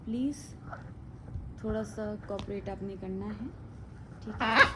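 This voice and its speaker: A woman's voice: mid-range voice, measured pace. Tired woman vlogger, weary and pleading. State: unwell and tired. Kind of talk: casual chat to camera and pet. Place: home, indoors. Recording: clear background noise.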